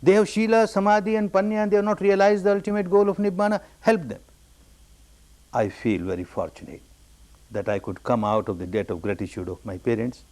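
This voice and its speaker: A man from Burma giving a meditation discourse, telling his own story with repeated, emphatic phrases that jump up high on the key words. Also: brisk, a little mellow. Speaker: meditation teacher.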